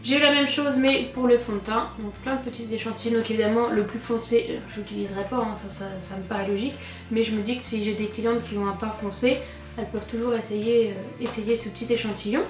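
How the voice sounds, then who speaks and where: Woman, French accent, swollen-tonsils sore-throat voice, higher pitch, chatty beauty vlogger, roomy echo. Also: steady tone, fast. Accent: French (France). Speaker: beauty vlogger and cosmetics brand ambassador. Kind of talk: casual chatty unboxing narration. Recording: roomy echo, distant mic, music.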